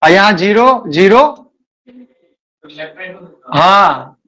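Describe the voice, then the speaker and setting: Male math teacher, high voice, repetitive and direct with students. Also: lively intonation, sharp tone. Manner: repeats words, addresses students as beta; admits speaking fast. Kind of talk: live online class lecture.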